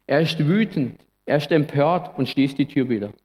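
A man's voice: on the high side, lively intonation, normal speed, darkish tone. A man preaches a Christmas sermon from a church pulpit. His tone is earnest and reflective, and he slips into a casual manner now and then. A long reverb trails behind each of his phrases. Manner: earnest, reflective, sometimes conversational. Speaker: pastor.

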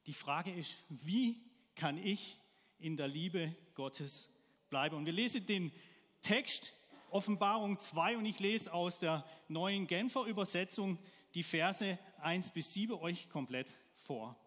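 A man's voice: high-pitched, takes it slowly, fairly bright tone, long reverb tail. A man preaching a sermon, telling an everyday story and putting questions to his congregation.

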